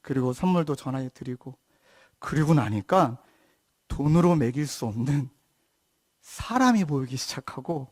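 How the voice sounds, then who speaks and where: A man in his thirties, a pastor, preaching a sermon as a story and dropping to a soft hushed voice when he quotes others. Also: mid-range voice, lively intonation, moderate pace, long pauses, breathy edge.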